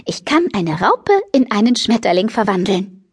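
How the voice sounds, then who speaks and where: A woman's voice: mid-range voice, animated, moderate pace, breathy edge, no room sound, clean studio sound. A woman reading a bubbly, fashion-crazy teenage girl who plays matchmaker, chirpy and pushy in an audiobook.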